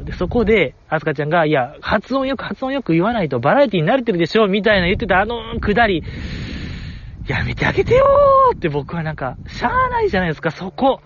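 Kansai man, podcast host, chatty and self-correcting, animated pitch, dull lo-fi sound. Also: slight background noise. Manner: rambling, self-correcting, often apologizing. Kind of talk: casual solo podcast talk.

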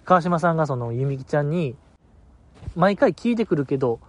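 A man's voice: on the high side, lively intonation, fairly quick, darkish tone. A man hosting a podcast alone, chatting casually in a rambling, self-mocking and sleepy way. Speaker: podcast host. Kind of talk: casual solo podcast chat.

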